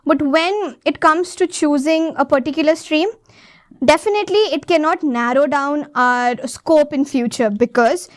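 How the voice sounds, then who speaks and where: High-voiced young Indian woman debating. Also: no echo, studio quality. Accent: Indian English. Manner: assertive, quick to argue back. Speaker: panelist. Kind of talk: student panel discussion.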